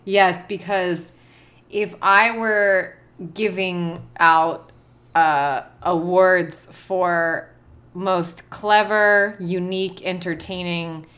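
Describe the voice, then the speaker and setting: A woman with a slightly low voice chats casually as co-host. She stops and starts, searching for the right words, with an amused tone throughout. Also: steady tone, very slow, fairly bright tone. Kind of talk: casual chat.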